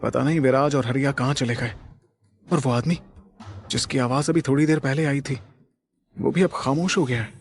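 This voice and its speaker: A man's voice: medium pitch, normal speed, vocal fry, long pauses, slight background noise, pitched above the performer's own voice, close to an everyday voice. A man voicing a cautious young male hero in an audio drama, calling out urgent warnings. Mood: tense.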